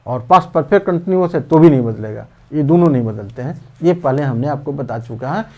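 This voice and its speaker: High-voiced man teaching grammar. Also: a little mellow. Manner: repeats rules, slowly dictates example sentences. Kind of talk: explanatory grammar lesson.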